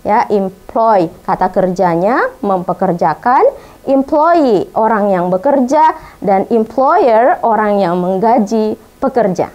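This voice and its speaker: A woman's voice: medium pitch, animated, slow, darkish tone, highs cut off. A woman teacher with an Indonesian accent, giving a bilingual English vocabulary lesson and drilling pronunciation carefully, repeating each word.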